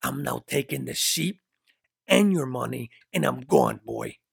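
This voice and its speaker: A man's voice: medium pitch, wildly swooping pitch, unhurried, vocal fry, slightly rough, no room sound, studio quality, heavily acted. A man doing a cold, terse menacing drifter. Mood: curt. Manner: curt, threatening.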